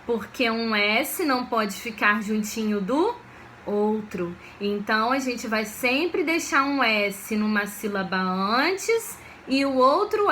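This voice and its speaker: A woman teacher, giving a video lesson for children in a slow, patient way and often checking that they follow. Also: high-pitched, fairly bright tone, slight background noise. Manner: slow, patient, checks understanding with frequent questions.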